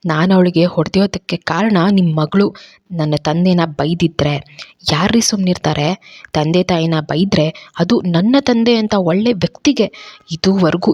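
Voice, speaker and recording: A woman's voice: fairly low pitch, no echo. A woman storyteller voicing an angry young husband who hurls harsh, scornful reproaches. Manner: shouting reproaches, scornful questions.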